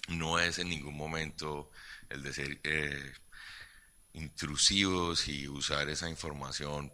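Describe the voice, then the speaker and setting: Very deep-voiced man presenting. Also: bright, forceful tone. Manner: measured, with frequent fillers and restarts. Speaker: financial supervision official. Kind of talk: formal conference presentation.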